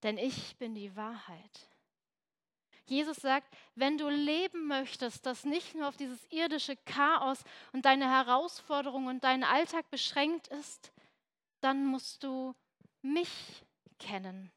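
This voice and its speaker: A woman's voice: high voice, a little slow, a bit bright, no room sound. A young woman giving an earnest, emphatic sermon, at times dropping to a near whisper for emphasis. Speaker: preacher.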